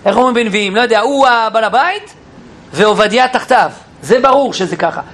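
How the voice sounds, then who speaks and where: A man teaching a Bible class in an animated way, questioning his listeners and acting out quotes. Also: sits high. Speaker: Torah teacher. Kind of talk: lively Bible class lecture.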